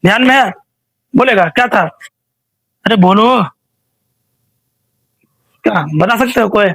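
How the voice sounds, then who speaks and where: High-voiced man quizzing an online class. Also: unhurried, fairly bright tone, no echo, rough recording. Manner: asks questions repeatedly, prompts students to answer. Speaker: teacher. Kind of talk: online class quiz revision.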